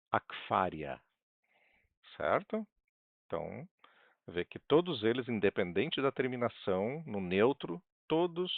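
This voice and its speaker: A Brazilian man with a Brazilian Portuguese accent teaching a language online, patiently repeating words slowly and stressing syllables. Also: medium pitch, vocal fry, no room sound, phone-quality sound.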